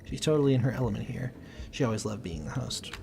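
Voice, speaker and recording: A man hosting a let's play, reading game text aloud with a quick, lightly dramatic delivery. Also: mid-range voice, vocal fry, background noise.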